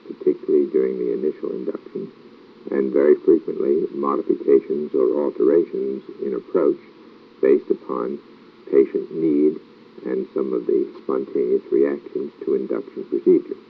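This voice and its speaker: Very deep, slow hypnotist-like male lecturer. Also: creaky, slight background noise. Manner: slow, measured hypnotist-like delivery with frequent pauses; formal, clinical wording. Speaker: lecturer on clinical hypnosis technique. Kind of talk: scripted instructional lecture. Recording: dull lo-fi old tape recording.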